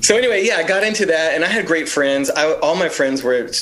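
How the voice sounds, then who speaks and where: A man's voice: on the high side, animated, quick pace, fairly bright tone, slight background noise, rough recording. Reflective fifty-year-old man, rambling. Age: 50s. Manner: reflective, rambling with many fillers. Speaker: guest musician. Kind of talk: casual podcast conversation.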